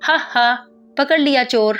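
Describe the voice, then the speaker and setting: A woman voicing a bossy, rough bully boy who shouts and scolds in a storybook. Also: sits high, expressive, soft background music, pitched above the performer's own voice. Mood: bossy shouting.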